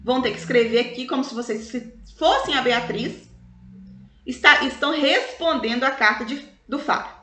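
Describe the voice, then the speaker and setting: A Brazilian woman teaching schoolchildren in a recorded review lesson, explaining slowly and stretching out example words in a sing-song way. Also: sits high, bright, forceful tone. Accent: Brazilian Portuguese. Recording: echoey room.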